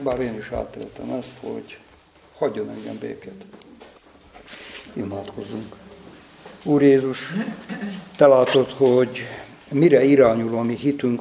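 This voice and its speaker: Gravelly solemn preacher in an echoey room. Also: male voice, medium pitch, mellow, a little hiss or hum. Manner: slow, solemn storytelling that ends in prayer. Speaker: pastor. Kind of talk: sermon reading and prayer.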